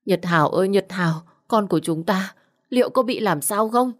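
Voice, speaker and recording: A woman voicing a frightened, grieving young pregnant wife who sobs and pleads in a high voice. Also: moderate pace, natural voice. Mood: pleading.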